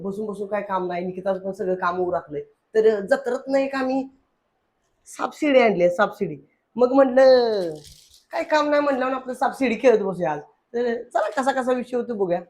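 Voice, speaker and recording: A young man, hosting a casual family vlog at home and bantering jokingly with his wife. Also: sits high. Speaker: vlog host. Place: home room.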